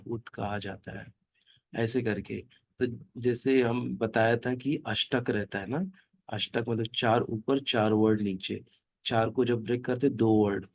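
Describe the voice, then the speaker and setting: A man leading an online reading group who chants verses slowly and then explains them in casual, conversational talk. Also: medium pitch, creaky, darkish tone, no room sound. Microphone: online video call.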